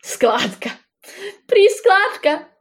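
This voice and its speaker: A woman's voice: a little high, lively intonation, lightly acted. A woman doing a scoffing, laughing bear. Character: boisterous scornful male bear, mocking know-it-all. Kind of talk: storybook reading.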